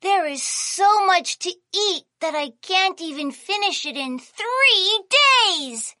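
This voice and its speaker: A woman's voice: very high-pitched, animated, slow pace, sharp tone, no echo, clean studio sound, full character voice. A woman voicing a cheerful young panda who hosts a children's science cartoon, with a sing-song, childlike manner. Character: cheerful young panda host named Kiki. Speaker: host.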